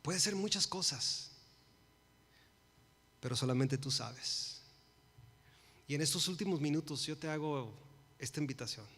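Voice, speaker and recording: A man in his forties preaches in a fairly high voice, rising to loud emphasis and falling to hushed pleas. He drops English phrases into his Spanish. His voice rings with the long reverb of a church hall. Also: lively intonation, unhurried, long pauses, slightly rough. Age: 40s. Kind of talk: sermon. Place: church sanctuary.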